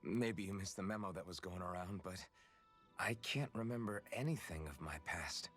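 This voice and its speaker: An actor playing an earnest, kind young soldier hero in a game, speaking gently and reflectively. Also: male voice, deep voice, normal speed, soft background music. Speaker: game character, young male swordsman. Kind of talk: game voice acting.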